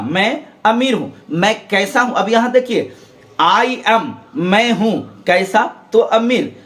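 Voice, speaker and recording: With a high, fairly bright voice, a man teaches English grammar in Hindi, working step by step and posing questions he then answers himself. He has learners repeat things aloud as drills.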